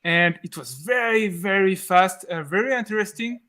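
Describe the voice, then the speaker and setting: A man who has just won an online contest, speaking haltingly and happily with fillers. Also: high voice, animated, sharp tone. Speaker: contest winner. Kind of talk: casual chat.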